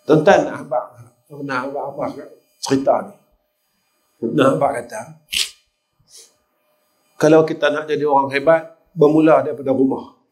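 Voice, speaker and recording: With a mid-range, darkish voice, this older man speaks at a moderate pace in a steady tone, leaving long pauses. His Kedah Malay accent comes through as he preaches and tells stories, often turning to the congregation and repeatedly calling them sirs.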